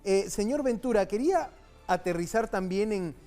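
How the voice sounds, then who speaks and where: A man from Peru anchoring a live news show, talking briskly and conversationally, speaking straight to the viewer. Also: high-pitched, animated, dark tone, faint music behind.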